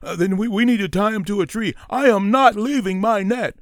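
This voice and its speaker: A man voicing an excited, proud male hunter who talks loudly and eagerly. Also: high-pitched, fairly quick, no echo, studio quality, voice pushed up.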